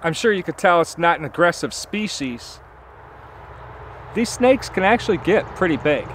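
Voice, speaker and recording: Holding the camera at arm's length at a forest campsite, a forty-something nature vlogger talks casually and with enthusiasm, leaning on fillers as he works through his thoughts. His voice sits on the higher side, fairly bright and expressive, at a normal pace, with slight background noise.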